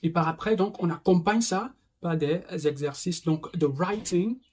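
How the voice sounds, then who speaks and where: A man's voice: high-pitched, measured pace, darkish tone, slightly rough. A man teaching a video lesson in French, explaining step by step, often adding "n'est-ce pas" and "hein" and dropping English terms into his talk.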